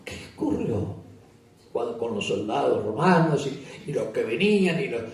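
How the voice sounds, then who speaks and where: At a church retreat service, a male pastor tells a sermon story and poses questions to the congregation. His mid-range voice is expressive at a moderate pace, captured by a distant mic in an echoey church hall.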